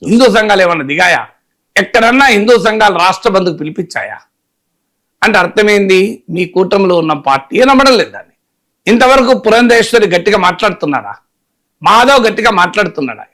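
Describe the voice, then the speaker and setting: A man's voice: high voice, bright, forceful tone. A man giving political commentary, emphatic and full of rhetorical questions. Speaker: political analyst.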